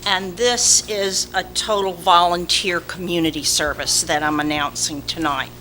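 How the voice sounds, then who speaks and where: A woman with a slow Southern drawl, reading a prepared announcement as a community volunteer at a public meeting. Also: lowish voice, steady tone, pushed and bright. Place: indoor village board meeting. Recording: noisy public meeting room recording.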